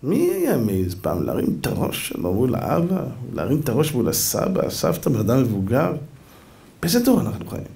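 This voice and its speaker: A man's voice: medium pitch, huge pitch swings, creaky, mellow. A man rabbi giving a Torah lesson sermon, emphatic and full of rhetorical questions, sometimes raising his voice. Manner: acts out quoted voices.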